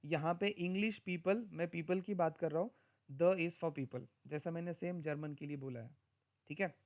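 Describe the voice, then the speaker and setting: A man gives a recorded grammar lecture. He explains step by step, slows down for each example sentence and keeps checking that his listeners are following. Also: on the high side, darkish tone. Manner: mixes Hindi and Marathi with English; says example sentences slowly and deliberately. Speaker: English grammar teacher.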